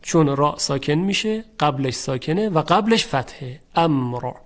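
Man, recitation teacher, fairly high voice, slow demonstrations, careful explanation. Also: expressive. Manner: measured, repeats words slowly to demonstrate. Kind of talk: recitation lesson, explaining rules and chanting verses.

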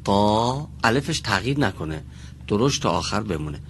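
In a classroom, a male teacher runs a pronunciation lesson, showing his pupils each sound slowly, patiently and deliberately. His voice sits fairly low and is expressive, with a slight hiss or hum in the recording.

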